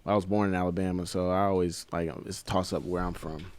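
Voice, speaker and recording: A man, a guest on a podcast, telling his story in a relaxed, casual way with plenty of fillers. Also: low-pitched, fast, smooth. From United States. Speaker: guest, brand co-founder. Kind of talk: casual interview talk.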